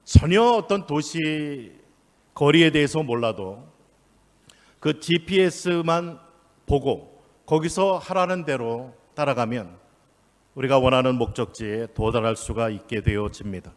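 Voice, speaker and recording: A man's voice: medium pitch, unhurried. A man preaching a New Year sermon as pastor, leading the congregation in prayer and speaking with emphatic, rising phrases. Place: church sanctuary. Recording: long church-hall reverb.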